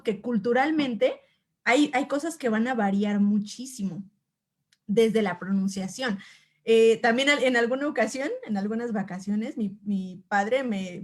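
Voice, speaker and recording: A young woman, chatting in a relaxed educational talk. She tells stories from her teaching with easy laughter, her voice sitting a little high. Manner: chatty, storytelling, laughs often. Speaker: English teacher.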